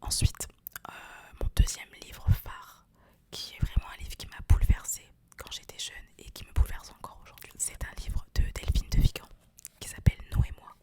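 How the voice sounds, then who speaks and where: A young adult woman doing ASMR book talk in a hushed, breathy library whisper with no voice behind it. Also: a little fast. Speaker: host of a book recommendation video. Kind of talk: whispered ASMR talk about favourite books, with some reading aloud.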